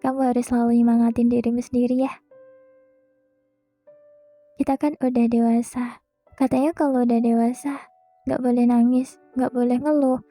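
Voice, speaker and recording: A young woman hosting a podcast, speaking a gentle, reassuring monologue straight to the listener. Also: fairly high pitch, level tone, normal speed, long pauses, dry recording, faint music behind. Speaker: podcast host. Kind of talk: soft comforting monologue.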